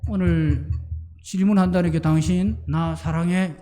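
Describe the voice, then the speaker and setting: A male pastor voicing an earnest middle-aged wife who presses her husband, speaking soft and low. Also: fairly even intonation, measured pace, soft background music, natural voice.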